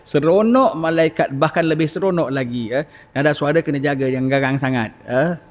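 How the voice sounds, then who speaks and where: A man with a Malaysian accent and a fairly high voice gives a religious lecture in a mosque, telling stories with energy and acting out dialogues. He often says "ha?", and the recording has the long reverb of a mosque hall.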